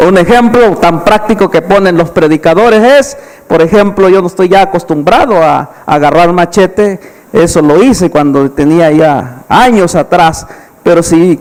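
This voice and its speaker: A pastor delivers an emphatic evangelistic sermon and keeps putting questions to his listeners. His voice sits high for a man. The sound carries a long reverb, as in a large hall. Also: darkish tone. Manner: emphatic preaching with rhetorical questions to the congregation.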